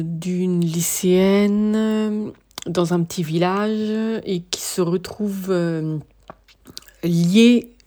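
A woman's voice: fairly low pitch, darkish tone. A tired woman hosting a casual solo podcast, talking hesitantly with many filler sounds and restarts. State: tired, worn out. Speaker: podcast host.

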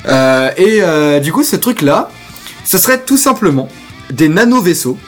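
A young man co-hosting a casual podcast, talking in a somewhat high voice. He rambles, stalls on fillers and restarts his sentences. Faint music plays behind him. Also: very animated, measured pace. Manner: rambling, hesitant with many fillers. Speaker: podcast co-host.

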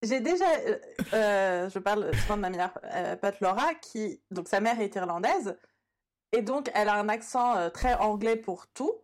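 A woman's voice: medium pitch, expressive, normal speed. A woman co-hosting a podcast, telling a long anecdote in a chatty way, full of fillers. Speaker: podcast co-host. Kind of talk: casual storytelling.

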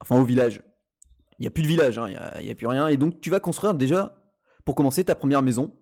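A man's voice: mid-range voice, animated, racing, vocal fry, a little mellow. A man chatting casually about a video game, rambling with many hesitations and restarts. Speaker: podcast host reviewing a video game. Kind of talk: casual chat.

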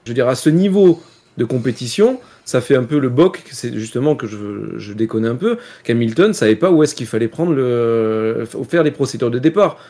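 A man with a French accent, co-hosting a casual motorsport podcast, giving strong opinions with sudden jumps in pitch. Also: expressive, normal speed, warm tone. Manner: opinionated, big pitch jumps when ranting. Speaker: podcast co-host.

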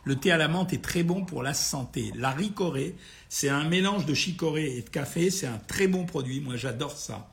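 Guy, tired gravelly hoarse voice, slightly high for a man, chatting through viewer questions, blunt and familiar. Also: moderate pace. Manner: blunt, familiar, addresses listeners directly. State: tired, a bit worn out. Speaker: doctor hosting a nutrition question-and-answer session. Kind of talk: informal live question-and-answer, reading out comments and replying.

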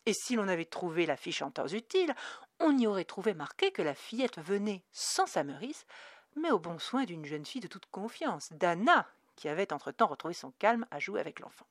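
A woman narrating a novel in a measured, expressive audiobook reading. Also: fairly low pitch, no room sound, studio quality.

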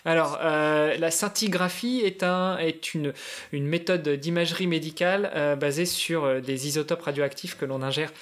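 Male interview guest, slightly high voice, casual and explanatory, thinking out loud. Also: steady tone, normal speed. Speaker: guest, endurance athlete preparing a challenge. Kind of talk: casual podcast interview talk.

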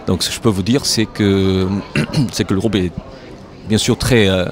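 Speaking French as a non-native with a foreign accent, a low-pitched man represents his company in a trade-show interview. The busy trade-fair crowd chatters in the background while he answers haltingly, going back over words as he looks for how to say things.

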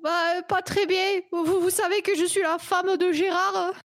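A woman's voice: very high voice, steady tone, normal speed, dry recording, clean studio sound. A woman playing a coworker's distraught wife who has just been fired, whining theatrically in a live improv scene.

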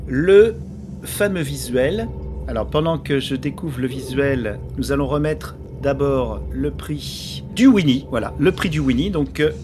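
A man's voice: mid-range voice, a little slow, noisy background. A man hosting a live podcast event over a voice call, jokey and self-mocking. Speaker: podcast host and jury president. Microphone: voice call over Discord.

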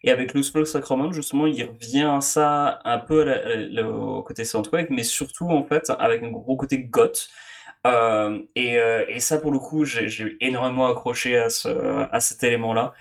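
A man's voice: mid-range voice, moderate pace. A man co-hosting a podcast, talking casually about music with frequent hesitations and repeated words. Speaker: podcast co-host.

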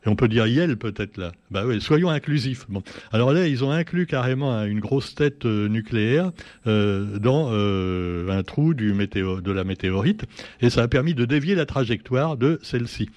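A man's voice: medium pitch, expressive, normal speed, darkish tone, no room sound. A man from Réunion runs through the day's papers in a loose, sardonic patter, padding it with fillers and joking asides. His voice sits in an ordinary middle register, and it is recorded close and dry with no room sound. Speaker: press review host. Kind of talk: casual spoken press review.

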